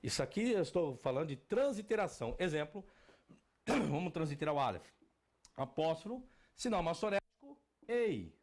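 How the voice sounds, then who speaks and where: A man's voice: a little high, very animated, moderate pace, darkish tone. A Brazilian man teaching at a whiteboard, drilling pronunciation aloud and asking and answering his own questions. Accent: Brazilian Portuguese. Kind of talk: whiteboard lesson. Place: classroom at a whiteboard.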